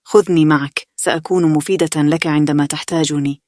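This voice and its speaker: A woman's voice: low-pitched, fairly even intonation, fairly quick, darkish tone, dry recording, clean studio sound, natural voice. A woman reading the part of a kind, helpful talking magic axe in a bedtime story.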